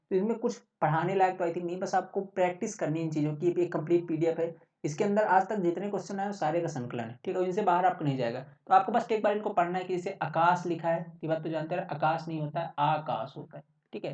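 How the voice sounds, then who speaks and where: A man's voice: a little high, darkish tone. A man teaching an exam-prep lesson in a casual, chatty way, often checking in with his listeners. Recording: roomy, distant, dull sound.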